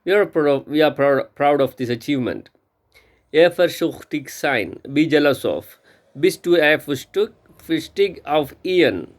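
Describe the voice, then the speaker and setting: A man learning a language, reading vocabulary and example sentences aloud from a textbook in a careful, halting way with frequent restarts. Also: fairly high pitch, lively intonation.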